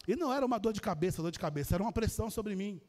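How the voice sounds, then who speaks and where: Brazilian male preacher, high-pitched, animated sermon delivery, long church reverb. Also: racing. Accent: Brazilian Portuguese. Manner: animated storytelling, addresses the congregation.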